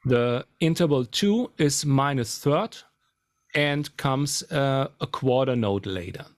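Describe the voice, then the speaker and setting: Slow, halting man explaining guitar settings. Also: medium pitch, expressive. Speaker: guitarist demonstrating amp settings. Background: faint guitar playing.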